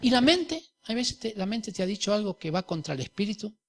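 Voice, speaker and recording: A middle-aged man delivers a sermon as a lively storyteller, slipping into different voices for each side of a conversation. His voice sits a little higher than most men's. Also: a little fast, creaky. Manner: animated storyteller, acts out dialogue in varied voices. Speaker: pastor. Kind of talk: sermon with personal stories.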